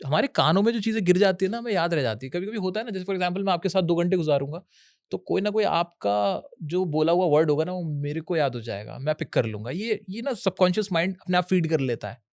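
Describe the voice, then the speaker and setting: A young man from India talks casually as an interview guest, giving advice and mixing in English. His voice sits a little high and sounds dry and close. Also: lively intonation, quick pace, dry recording. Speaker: educational YouTuber guest. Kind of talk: casual Hinglish interview talk.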